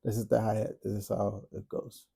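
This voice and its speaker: A man from South Africa with a South African accent, calmly walking through how he builds a track, step by step, in a casual tutorial. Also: fairly low pitch, fairly quick, vocal fry, slightly rough. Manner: relaxed step-by-step explaining. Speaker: music producer tutorial host. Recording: music playing in the background.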